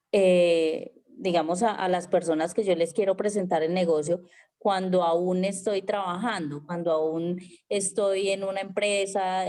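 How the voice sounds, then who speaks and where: A woman's voice: lowish voice, warm tone. A woman taking part in an online workshop, asking a question hesitantly and politely.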